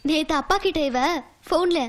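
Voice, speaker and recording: A very high-voiced bossy young woman, boastful, excitable, film scene with music. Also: moderate pace. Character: brash young woman, self-styled local queen, bossy. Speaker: film character. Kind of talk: film comedy acting.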